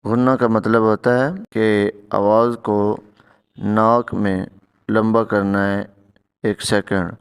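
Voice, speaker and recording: Man slowly drilling recitation syllables. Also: on the low side, little pitch movement, clean tone. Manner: patient, drills each syllable slowly then explains quickly. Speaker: Quran recitation teacher. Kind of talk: tajweed pronunciation lesson.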